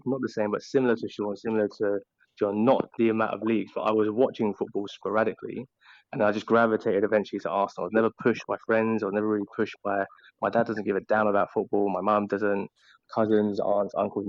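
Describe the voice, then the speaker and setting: Fast-talking low-voiced man, insistent. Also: little pitch movement, no echo. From Caribbean. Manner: insistent, rapid-fire. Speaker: club podcast member. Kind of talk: heated casual debate. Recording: muffled online voice chat.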